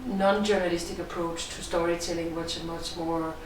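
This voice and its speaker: A middle-aged woman director speaks with a Danish accent, explaining her work in a measured, thoughtful way. Her voice sits somewhat low and is picked up from a distance in a strongly echoing room, with a faint hiss behind it. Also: steady tone. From Denmark. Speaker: film director. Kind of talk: interview answers. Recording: echoey room, distant mic.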